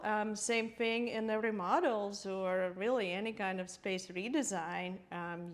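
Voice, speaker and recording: Speaking at a medium pitch, a Latvian interior designer appears as a guest on a podcast interview. She is thoughtful, often searching for words and laughing frequently.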